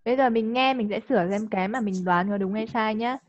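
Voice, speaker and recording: A woman's voice: a little high, no echo. A woman, tutoring a student over a video call. She talks in a coaxing way and keeps checking in with short "right?" and "yes or no?" questions. The sound is dry and a little dull, like lo-fi call audio. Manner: coaxing, checks understanding with quick tag questions. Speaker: online English teacher. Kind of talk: live online tutoring.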